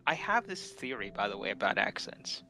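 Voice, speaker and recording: A man's voice: on the low side, sing-song, normal speed, bright, forceful tone, rough recording. A man chatting casually, rambling and laughing often. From Philippines. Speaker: streamer chatting while drawing. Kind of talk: casual chat.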